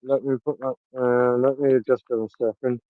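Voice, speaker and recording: A man speaking outdoors through earbuds, his voice muffled as if heard through a wall, halting and apologetic. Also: mid-range voice, little pitch movement, no room sound. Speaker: speaker in an online audio room. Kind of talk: casual chat. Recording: muffled phone-like line, dry.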